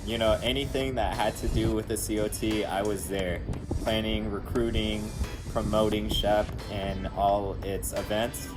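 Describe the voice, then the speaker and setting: Music plays in the background as a young man from Houston, Texas, speaks to camera on an outdoor rooftop. A recent graduate now working as an engineer, he covers his studies and career in an earnest, conversational way, restarting now and then. His pitch is lowish, his intonation fairly even, and his pace unhurried.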